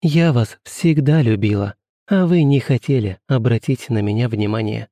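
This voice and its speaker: A woman's voice: a bass voice, moderate pace, dark tone, dry recording, studio quality. A man reading the part of a young married woman who is distraught and in tears, with sobbing, pleading exclamations. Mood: tearful. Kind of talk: audiobook character reading.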